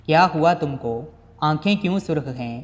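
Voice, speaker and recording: A man's voice: a little high, lively intonation, moderate pace, natural voice. A man voicing a protective young husband in a storybook reading, with an earnest, pleading manner. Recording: long reverb with background music.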